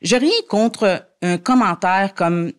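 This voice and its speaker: A woman's voice: mid-range voice, slow pace. Woman guest, French speaker, earnest and argumentative, restarts often mid-sentence. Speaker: guest columnist. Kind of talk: podcast interview conversation.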